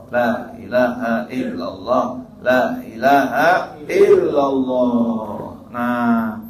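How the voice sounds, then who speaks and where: A man giving an Islamic sermon in a lively, animated way, often acting out the voices of the people he quotes. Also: a little high. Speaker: Islamic preacher. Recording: echoey room.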